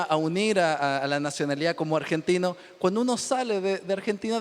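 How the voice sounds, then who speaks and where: A pastor from Chile preaching a humorous sermon from the pulpit, joking, laughing often and repeating himself for emphasis. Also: male voice, high voice. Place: church pulpit. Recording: reverberant church hall.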